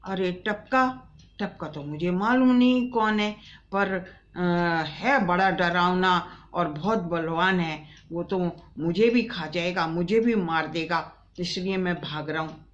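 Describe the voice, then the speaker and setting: A woman's voice: fairly low pitch, slow pace, highs cut off. A woman doing a scared lion king. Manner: fearful, hesitant. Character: frightened male lion, jungle king.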